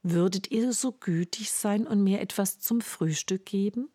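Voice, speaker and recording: Rich: A polite, hungry young boy from a fairy tale pleading for food, voiced by a woman reader. The delivery is earnest and a little higher, recorded close and dry. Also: measured pace, mellow, no echo, lightly acted.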